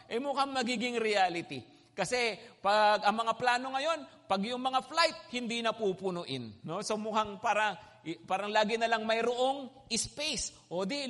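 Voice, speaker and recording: A man's voice: very high-pitched, bright, forceful tone. A man preaching in a polite, conversational way, often checking in with his listeners through tag questions. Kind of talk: conversational sermon. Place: Manila. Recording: hall reverb.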